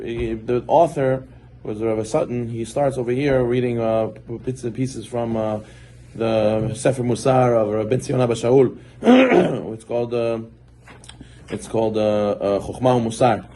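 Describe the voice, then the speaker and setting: Fast-talking rabbi teaching Torah. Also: male voice, medium pitch, mellow, a little hiss or hum. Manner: conversational, acts out little scenes with rising voice. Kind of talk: Torah class.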